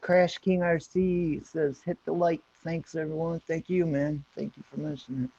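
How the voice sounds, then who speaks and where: Man in his thirties, livestream host, higher voice, dry dull lo-fi sound, laughs and swears casually. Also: moderate pace, creaky, mellow, no room sound. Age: 30s. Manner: laughing, reads chat aloud, swears casually. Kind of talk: casual live chat.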